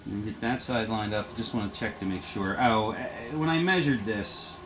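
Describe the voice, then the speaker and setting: A low-voiced man rambles through a craft project at normal speed as a hobbyist bookbinder vlogger, giving casual workshop how-to narration laced with swearing and self-deprecating asides. He's in his home workshop, where a blowing heater puts wind noise on the mic and a printer runs in the background.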